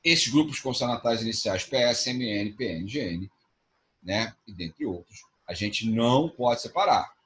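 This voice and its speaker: A man's voice: lowish voice, expressive, a little slow, a bit bright. A man with a Brazilian Portuguese accent, teaching a class and explaining each point with frequent tag questions. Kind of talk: online class lecture.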